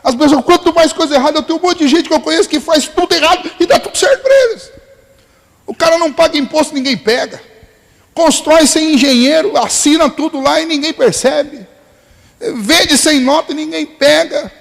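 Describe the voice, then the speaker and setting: A man's voice: very high-pitched, a little fast, vocal fry, in a large hall, pitched above the performer's own voice. A man acting out an exasperated grown man who complains indignantly that God ignores him.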